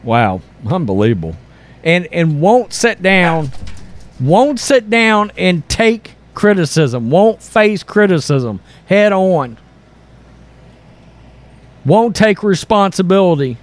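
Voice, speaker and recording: A man on an online commentary channel speaks slowly in a high-sitting voice with big pitch swings. Reading the news aloud, he reacts bluntly, sarcastically and in exasperation, offering opinionated political commentary.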